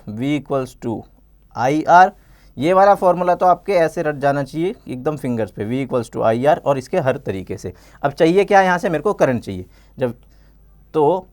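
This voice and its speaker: A man teaching a physics exam-prep lesson step by step, mixing Hindi and English and calling his students "bachcha log". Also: fairly high pitch. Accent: Indian English.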